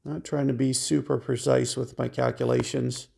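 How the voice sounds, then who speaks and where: A man calmly walking through a mobile golf game, explaining his shot calculations step by step for viewers. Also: medium pitch, normal speed, creaky, slightly rough. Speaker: game guide creator. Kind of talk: mobile game walkthrough commentary.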